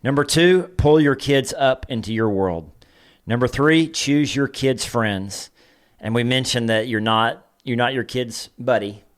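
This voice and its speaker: A man who is a pastor, co-hosting a casual conversation and leading a lesson in a measured way, walking through numbered points. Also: mid-range voice, clean tone. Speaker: pastor and podcast co-host.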